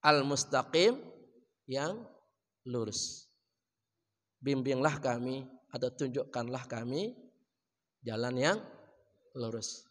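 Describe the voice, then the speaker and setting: A man teaching Quran recitation in a mosque, chanting verses melodically and then explaining pronunciation quietly and quickly, with an Indonesian accent. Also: mid-range voice, lively intonation. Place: mosque hall. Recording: reverberant mosque hall.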